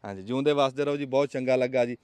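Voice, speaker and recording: A man's voice: medium pitch, very fast, a little mellow, clear, resonant tone, no echo. A man with a Pakistani Punjabi accent hosting a casual vlog in an emphatic, rhetorical, folksy storytelling way. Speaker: vlog host. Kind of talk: casual outdoor vlog talk.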